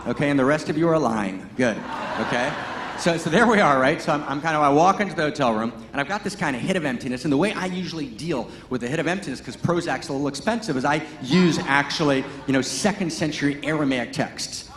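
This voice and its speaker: A guest teacher from Pittsfield, Massachusetts, whose first language is Hebrew and who grew up in Massachusetts, delivers a Sunday sermon in a large church hall. His voice is a little high, lively in intonation and quick, telling a loose personal story full of "you know" and "right?" that builds to emphatic passages. The echoey hall has faint ambience and noisy background.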